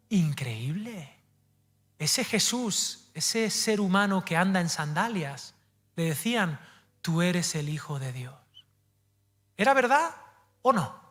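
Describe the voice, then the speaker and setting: A male pastor with a Spain Spanish accent, preaching a sermon and talking straight to his listeners, swinging from loud emphasis to hushed asides. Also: high voice. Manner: addresses the congregation directly and playfully.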